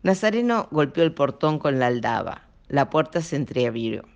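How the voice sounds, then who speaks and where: A man, reading a children's story aloud as an expressive storyteller. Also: on the high side, normal speed, creaky, smooth, lo-fi sound. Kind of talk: audiobook narration.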